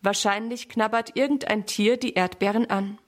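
A woman voicing a patient, gentle mother in a children's story. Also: mid-range voice, steady tone, moderate pace, close to an everyday voice. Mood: kind. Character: calm, caring mother.

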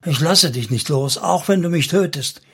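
A man voicing a desperate young woman who begs her beloved not to leave, in a high, tearful, pleading voice, in an audiobook reading. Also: animated, moderate pace, fairly bright tone, husky, exaggerated voice.

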